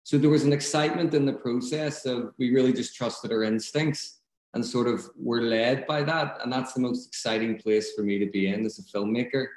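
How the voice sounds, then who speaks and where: Speaking over a video call from his home, a Northern Irish film director in his thirties talks in an earnest, thoughtful way with a Belfast accent. His voice is mid-range and a little mellow, with fairly even intonation and a moderate pace, and the room has an echo.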